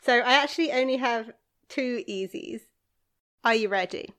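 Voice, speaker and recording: A woman's voice: on the high side, normal speed, a bit bright. A woman chatting casually as she quizzes a friend, laughing often. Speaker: quiz host. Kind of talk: casual chat quiz.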